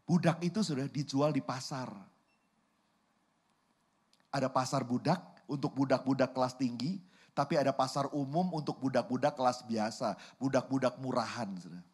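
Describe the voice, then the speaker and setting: Husky-voiced pastor telling a story. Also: male voice, mid-range voice, moderate pace, a little mellow. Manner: storytelling, addresses the congregation as "saudara". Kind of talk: sermon. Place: church.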